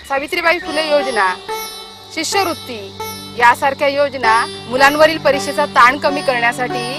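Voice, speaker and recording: A woman playing a patient village schoolteacher who speaks calmly and persuasively. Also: sits high. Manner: calm, earnest, persuasive.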